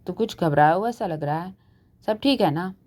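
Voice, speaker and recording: A calm, caring elder brother speaking in a reassuring way, as a woman storyteller puts him on. A storybook reading. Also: lowish voice, normal speed, close to an everyday voice. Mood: concerned.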